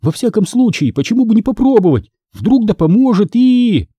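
A man reading an audiobook, voicing an eager, excitable young girl in a high, breathless voice. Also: normal speed, breathy edge, no room sound, exaggerated voice. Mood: excited. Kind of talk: audiobook character voice.

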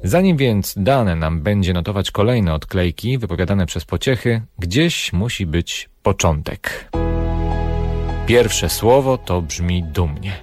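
A man narrating a scripted radio feature in a wry, measured way. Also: sits low, lively intonation, music in the background. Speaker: radio reporter.

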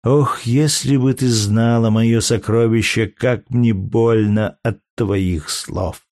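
A man's voice: mid-range voice, steady tone, takes it slowly, dry recording, clean studio sound. A man reading an audiobook, voicing a grieving young Roman mother who speaks tearfully and tenderly. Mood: pleading. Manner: tearful, pleading, softly emotional.

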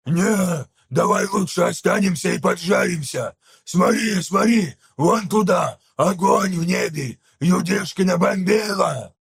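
A hulking ork mechanic, bellows in a gravelly, rasping growl pitched well above the reader's own voice. He drags out his slow, heavy words and shouts them across the chaos. The voice sits back from the mic. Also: full character voice. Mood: shouting orders. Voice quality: gravelly, raspy. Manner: barking, shouting in slow drawn-out bursts. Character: brutish gravelly male ork mechanic, loud and bossy.

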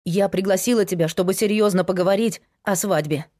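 A woman's voice: medium pitch, a little fast, warm tone, lightly acted. A woman voicing a young woman, a frank and resolute investigator, in an audiobook. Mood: hesitant.

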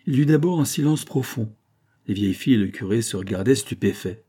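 Dark, husky male narrator. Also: mid-range voice, expressive, a little fast. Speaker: audiobook narrator. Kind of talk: literary audiobook narration.

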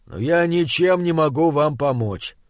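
A man's voice: a little high, animated, measured pace, no room sound, clean studio sound. A man reading a puzzled, defensive radio officer.

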